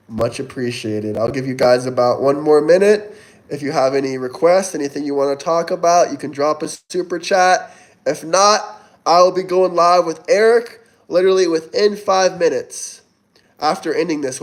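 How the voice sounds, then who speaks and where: A man in his twenties from Florida, US, hosts a livestream in a voice on the high side. In casual livestream chat, he reads out and answers viewer messages, pushing for likes and tips.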